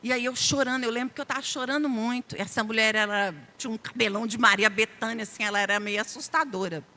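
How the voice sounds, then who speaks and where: A woman's voice: on the high side, steady tone, fast talker, pushed and bright. A middle-aged Brazilian woman preaching a Mother's Day sermon in church. She shares an emotional personal testimony, speaks directly to the congregation and repeats phrases for emphasis.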